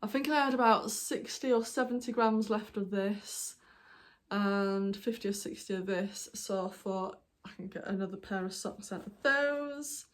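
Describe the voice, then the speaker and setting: Speaking at normal speed in a medium-pitched voice, this hiccuping British knitting podcaster shows her projects in a casual show-and-tell vlog. Her chat meanders, peppered with ums and apologies.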